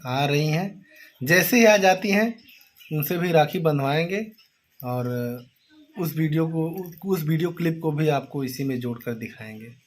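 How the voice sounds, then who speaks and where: Bhojpuri accent guy hosting a family vlog, loud teasing chat, noisy phone video. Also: a little high. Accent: Bhojpuri-speaking eastern Uttar Pradesh. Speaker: vlog host.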